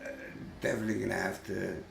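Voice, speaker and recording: A man's voice: low-pitched, level tone, quick pace, vocal fry, reverberant, over music. A man giving casual running commentary while gaming, chatty and grumbling, with mild swearing. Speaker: vlogger.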